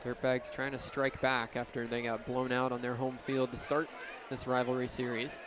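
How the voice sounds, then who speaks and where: This is live radio play-by-play of a baseball game, delivered in clipped, vivid bursts by a man in his 20s. He speaks at a moderate pace with a level tone and medium pitch, while a ballpark crowd and outdoor stadium sounds fill the background.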